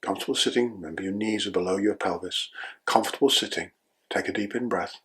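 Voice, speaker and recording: Older male breathwork teacher, low husky voice, calm patient instruction. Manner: calm, slow guiding with checking "yeah?".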